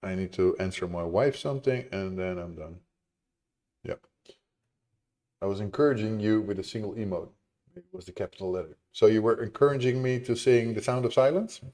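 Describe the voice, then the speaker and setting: A man's voice: on the low side, moderate pace, warm tone. A man chatting casually with his live-stream viewers in a chatty, apologetic, easily amused way. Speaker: game dev streamer.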